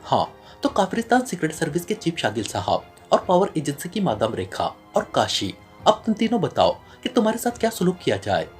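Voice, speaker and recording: A man voicing a stern, sharp-witted male secret agent, reading in a serious tone from an audio novel. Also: on the high side, wildly swooping pitch, a little fast, faint music behind.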